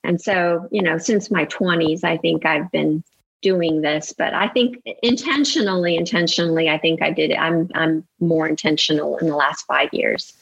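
A woman's voice: low-pitched, vocal fry, breathy edge, dry recording, muffled recording. A woman who grew up in Italy to American parents, a guest artist talking thoughtfully in an interview and often restarting her sentences. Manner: thoughtful, halting, many restarts. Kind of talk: interview conversation.

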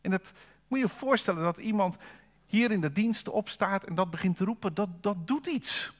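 A man's voice: high voice, lively intonation, moderate pace. A man preaching a sermon at a church service, in a conversational way, asking the congregation rhetorical questions.

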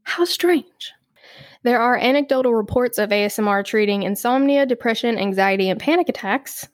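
A woman's voice: a little high, a little fast, no room sound. A woman co-hosting a podcast in casual chat, chatty and reading research notes aloud. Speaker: podcast co-host.

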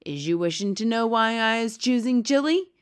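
A woman's voice: fairly high pitch, animated, normal speed, voice pushed up, natural voice. Woman putting on a brutish, bellowing giant man. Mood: gloating. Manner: bellowing, sneering, mangled grammar and made-up words. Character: brutish, gluttonous, bullying man-eating male giant. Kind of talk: storybook character reading.

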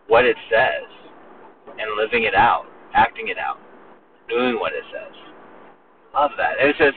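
A pastor giving an earnest, emphatic sermon on a psalm, slowing down to stress key words. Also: male voice, fairly low pitch. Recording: distant phone-like recording with faint noise.

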